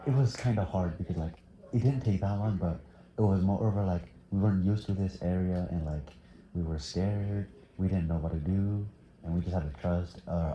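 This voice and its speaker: A man's voice: low-pitched, warm tone, reverberant, dull audio. A teenage boy from Thailand answering interview questions casually, hesitant with many fillers. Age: teens.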